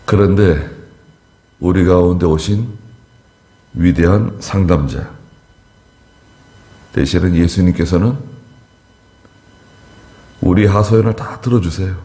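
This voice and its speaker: Middle-aged pastor guy preaching, lowish mellow voice, chatty, acts out little dialogues. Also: takes it slowly, pauses often. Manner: conversational preaching, acting out everyday dialogue. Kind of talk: sermon.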